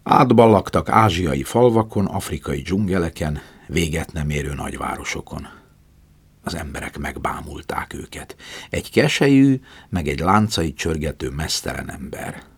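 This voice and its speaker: A man narrating a story dramatically, swinging between loud passages and whispers. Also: deep voice, expressive, vocal fry, hardly any pauses, husky, no room sound. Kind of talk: storytelling reading.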